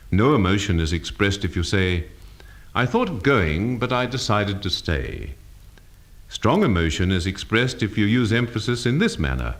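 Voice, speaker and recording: A man giving a scripted speech-training lesson, precise and measured, acting out example phrases. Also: fairly low pitch. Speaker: elocution teacher.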